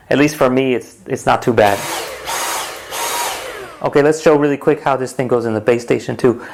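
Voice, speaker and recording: A man hosts a casual home unboxing video with a medium-pitched voice. He talks through his impressions in a rambling, matter-of-fact way. There is clear noise behind him, with some clicks. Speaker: host of a product unboxing vlog. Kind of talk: casual hands-on product review.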